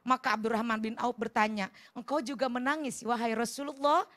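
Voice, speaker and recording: Lady preacher, soft consoling sermon, voice a bit high, tv studio. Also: fairly quick. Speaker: Islamic preacher (ustazah).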